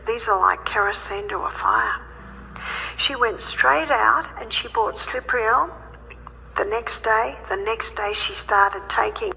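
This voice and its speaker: A woman health educator telling stories in a lecture, animated and acting out the people she quotes. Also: a little high, gravelly. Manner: animated, acts out quoted speakers. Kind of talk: storytelling lecture. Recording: reverberant hall with faint noise.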